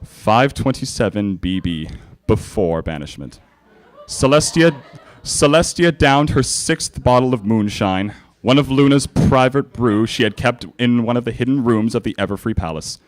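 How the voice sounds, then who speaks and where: At a convention panel, a man hosts a live comedic reading of fanfiction, amused and stumbling over the text. His mid-range voice has lively intonation and a moderate pace.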